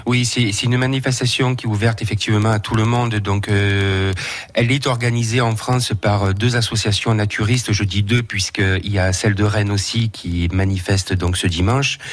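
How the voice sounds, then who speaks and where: Hesitant low-voiced male interview guest. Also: fairly even intonation, moderate pace. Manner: hesitant, with restarts and self-corrections. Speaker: association president, guest. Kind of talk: radio interview answers.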